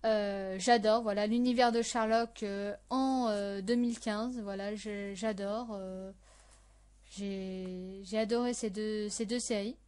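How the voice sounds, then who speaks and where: A woman's voice: mid-range voice, fairly even intonation, takes it slowly, a little mellow, clean tone. A young woman hosting a casual podcast about the series she loves, hesitant and full of fillers and restarts. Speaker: podcast host.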